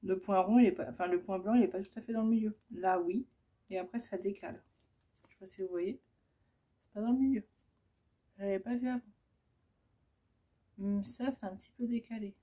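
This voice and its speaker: A woman's voice: mid-range voice, steady tone, a little fast, long pauses, mellow. A woman chatting casually as she shows off her scrapbooking crafts, hesitant and full of fillers. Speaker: scrapbooking vlogger. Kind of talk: casual show-and-tell.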